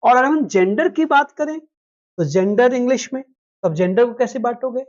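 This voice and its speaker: A woman's voice: on the high side, lively intonation, moderate pace, darkish tone, highs cut off. A woman teaching a classroom lecture, explaining step by step, repeating key terms and checking that students follow.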